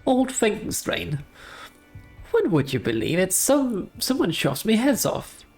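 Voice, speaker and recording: A woman's voice: mid-range voice, big pitch swings, a little slow, darkish tone, soft background music, voice pushed up. Woman doing a headless ghost gardener with rustic slang. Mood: cheery. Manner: rustic working-class slang. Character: headless male ghost gardener, cheery working man.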